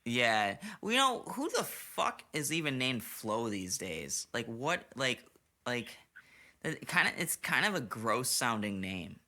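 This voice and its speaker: A man hosts a late-night podcast chat with a very bright, forward tone and an ordinary middle pitch. He is a little tipsy and rambles, swearing freely and restarting his sentences. He talks into a good studio microphone. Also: very animated, unhurried. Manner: rambling and profane, many restarts. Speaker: podcast host. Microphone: studio microphone, monitored on headphones.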